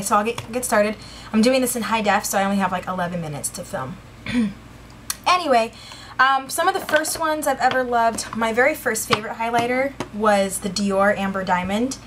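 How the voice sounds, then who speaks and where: A woman's voice: fairly high pitch, a little hiss or hum. A woman chatting casually through a makeup review, a little out of breath, full of fillers and enthusiasm, recorded indoors on a camera mic. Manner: chatty, filler-heavy, enthusiastic about products. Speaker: beauty vlogger.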